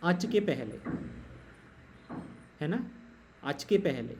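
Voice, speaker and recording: Slow, patient Sanskrit grammar teacher. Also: male voice, fairly high pitch, lively intonation, slight background noise. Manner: patient, explains slowly, switches into English. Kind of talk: online grammar class.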